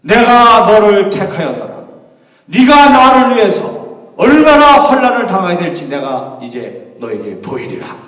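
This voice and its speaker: A man voicing Jesus as a solemn, commanding figure speaking from the light, in loud, drawn-out proclaiming. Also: sits high, very animated, voice pushed up, exaggerated voice. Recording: echoey hall, distant mic.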